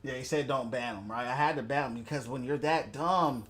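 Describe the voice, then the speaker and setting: A man's voice: medium pitch, a little fast, a bit bright. A man streaming a game, ranting in a heated, repetitive, mocking way at a viewer in his chat. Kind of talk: ranting live stream commentary.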